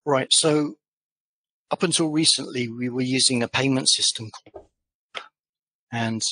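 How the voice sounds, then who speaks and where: A man speaking as an interview guest in an earnest, halting way, his microphone cutting out at the ends of phrases so the volume is uneven. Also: mid-range voice, pushed and bright, dry recording, low-quality recording. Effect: mic cutting out at phrase ends, uneven volume. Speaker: platform founder, interview guest. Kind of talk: remote interview conversation.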